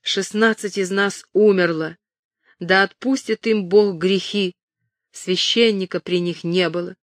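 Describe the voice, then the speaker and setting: Bleak shouting castle guard, woman doing him, dry sound. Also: high voice, steady tone, a little slow, no room sound. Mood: grim. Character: grim male castle guard at a window.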